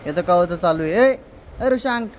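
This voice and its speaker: A man's voice: sits high, lively intonation, normal speed, a little hiss or hum. A man vlogging at home, teasing and cajoling a relative during a family prank. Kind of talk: casual family prank vlog. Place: indoors at home.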